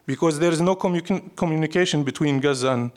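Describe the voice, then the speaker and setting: In a live interview, a Syrian poet whose native tongue is Arabic tells reflective stories in a somewhat high-set voice with a Syrian Arabic accent. He talks fast with a darkish tone, building his points through short, repeated, emphatic phrases.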